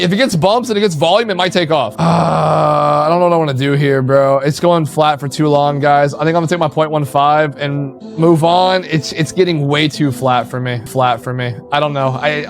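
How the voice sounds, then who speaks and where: A man livestreaming as a trader, giving excitable, slangy commentary with repeated exclamations. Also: fairly high pitch. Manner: hyped, repetitive exclamations, bro-heavy slang. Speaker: livestreaming meme coin trader.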